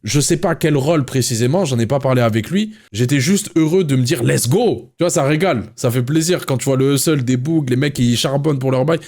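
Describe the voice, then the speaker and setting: A man's voice: medium pitch, fairly quick, hardly any pauses, a little mellow. A male streamer in casual chat, slangy and rambling, with many fillers and restarts.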